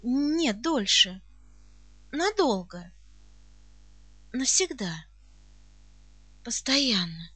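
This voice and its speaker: A woman voicing a gentle, serious girl who speaks earnestly and tenderly in an audiobook reading. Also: extremely high pitch, expressive, unhurried, dry recording. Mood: solemn. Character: gentle serious rich girl, orphan's friend.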